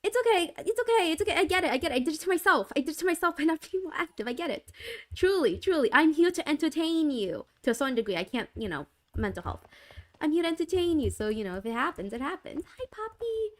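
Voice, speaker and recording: A woman's voice: high-pitched, sing-song, fast talker. A young adult woman streaming from a home gaming setup into a desk mic, chatting casually, giggly and rambling, often repeating herself. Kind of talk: casual live-stream chat. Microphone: desk microphone.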